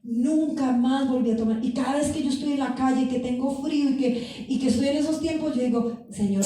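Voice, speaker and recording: High-voiced woman preaching in an echoing church. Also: a little mellow. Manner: fervent, addresses the congregation directly. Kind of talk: sermon. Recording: echoey hall from far off.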